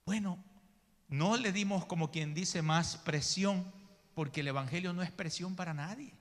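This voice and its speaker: A man's voice: sits high, normal speed, in a large hall. A male pastor preaching a sermon in church, emphatic, calling his listeners brother and acting out the people in his stories. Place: church sanctuary.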